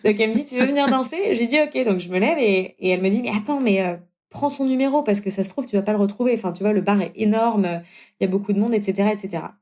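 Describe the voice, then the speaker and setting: A young woman tells her own story in a relaxed podcast chat. Her pitch sits in the middle, and she jumps up high when she mimics people or gets worked up. The delivery is animated and casual. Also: rapid-fire. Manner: animated, acts out dialogue with big pitch jumps. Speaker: guest telling her story.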